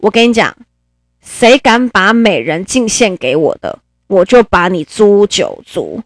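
Woman reading a domineering old-court king, slow and firm, in a dry booth. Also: medium pitch, sing-song, no room sound. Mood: commanding. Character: ancient male king, doting and domineering.

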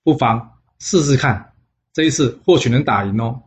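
A man's voice: medium pitch, animated, normal speed, close to an everyday voice. A storyteller with a Taiwanese Mandarin accent voicing a sly, coaxing wandering Taoist man.

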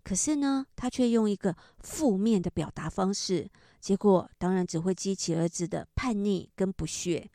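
A middle-aged woman, an author and counselor, gently explaining ideas and telling a story about a book. She speaks in an explanatory manner with drawn-out particles at the ends of phrases. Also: medium pitch, dry recording, clean studio sound.

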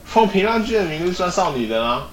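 A man's voice: sits high, sing-song, fast, a crowd in the background. A young man chatting on a podcast, blunt and mocking, swearing at his friends. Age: young adult. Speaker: podcast guest. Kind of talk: casual chat. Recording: echoey room with clear noise.

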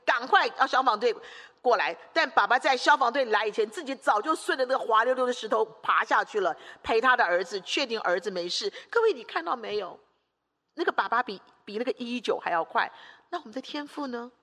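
With a high, bright voice, a woman preacher gives an emphatic sermon, driving her points home through long runs of repeated rhetorical phrases. A long, echoing church-hall reverb surrounds her.

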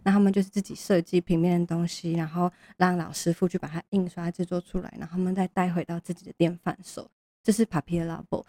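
A woman's voice: on the low side, warm tone, dry recording. A woman chats casually in Taiwanese Mandarin with a slight Japanese tinge. Her manner is girlish and gushing, prone to giggles. The sound is dry and close, with little room on it. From Keelung, Taiwan. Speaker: podcast guest, shop staffer. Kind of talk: casual chat.

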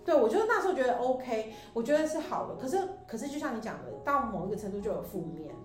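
A quick-talking woman with a Taiwanese Mandarin accent co-hosts a chat podcast. She tells her story in a rambling, animated way and acts out the other people's lines. Her voice sounds roomy, with soft music underneath. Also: a little high. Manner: rambling, animated storytelling with quoted dialogue and laughter. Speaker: podcast co-host. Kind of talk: casual chat, telling a personal story. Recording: echoey room with faint music.

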